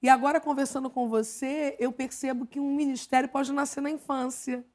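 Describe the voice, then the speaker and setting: A Brazilian woman, a pastor hosting an interview, asking measured questions and affirming her guest. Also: high voice, steady tone, darkish tone. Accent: Brazilian Portuguese. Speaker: pastor and host.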